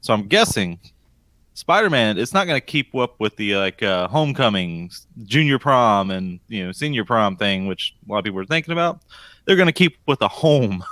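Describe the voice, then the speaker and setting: A male podcast co-host with a lively, swinging pitch who talks in rambling, hesitant stretches and jokes at his own expense. The sound is close and dry from a studio microphone. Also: normal speed, no echo. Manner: rambling, hesitant, self-deprecating. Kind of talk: casual podcast banter.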